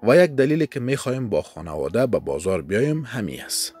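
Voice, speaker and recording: A man with an Afghan Dari accent voicing an earnest, protective young man who speaks quietly. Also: mid-range voice, sing-song, breathy edge, soft background music. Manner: quiet and apologetic.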